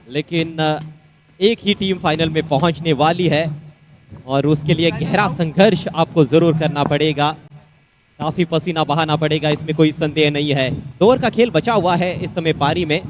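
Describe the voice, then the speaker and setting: A man with an Indian accent provides live cricket commentary in a somewhat high voice. He is analytical and articulate, favouring formal wording as he sums up the play. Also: slight background noise.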